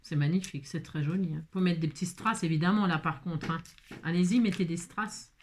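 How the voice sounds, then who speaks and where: A woman's voice: on the low side, fairly quick, slight background noise. A woman hosting a casual crafting tutorial, chatting and rambling with many filler words as she works.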